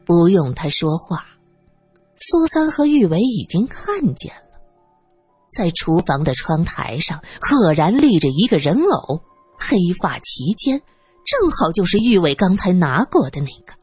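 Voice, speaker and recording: A woman narrating an audiobook story in an expressive, dramatic storytelling manner. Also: fairly low pitch, a little slow, husky, soft background music.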